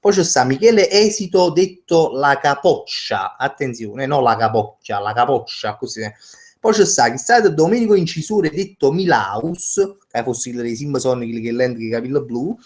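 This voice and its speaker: A man's voice: mid-range voice, expressive, normal speed, a little mellow. Chatty Neapolitan man greeting viewers. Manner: chatty, rambling, joking, reads out viewer names. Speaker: live-stream host. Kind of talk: casual live-stream chat.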